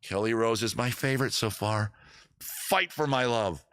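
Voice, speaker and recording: A musician running a live stream talks casually and jokingly with his audience between numbers, making fun of how he sings, his acoustic guitar sounding in the background. The voice is medium in pitch, fairly bright, and delivered at a normal speed.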